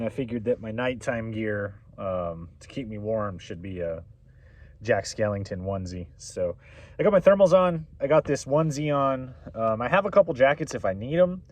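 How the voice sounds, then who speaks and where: A young man casually narrating a camping vlog outdoors, rambling and relaxed as he eats. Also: medium pitch, normal speed. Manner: relaxed, rambling, talks while eating. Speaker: camping vlogger. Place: outdoors at a mountain campsite.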